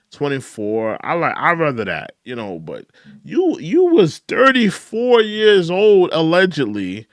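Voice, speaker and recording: A commentary channel host in his thirties reacts to someone in a fairly high-pitched voice, recorded dry and clean in a studio. He sounds incredulous, keeps repeating his points, and talks straight to the person he's criticizing.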